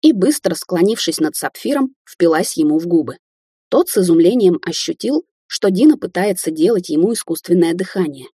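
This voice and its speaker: A woman narrating an audiobook in a measured, expressive way, recorded close and dry. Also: lowish voice, breathy edge, dry recording. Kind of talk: scripted narration.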